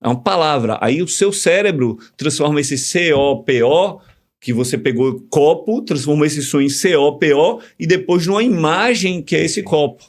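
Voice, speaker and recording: Gravelly man explaining. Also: on the high side, normal speed. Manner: animated, teacherly, uses examples. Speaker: communication guest. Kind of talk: casual podcast conversation, explaining.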